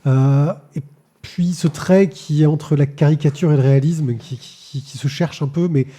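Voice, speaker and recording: Talking loosely and often repeating himself or reaching for fillers, a man hosts a live-streamed comics review podcast. He speaks at a moderate pace, with a slightly high pitch and a dark tone.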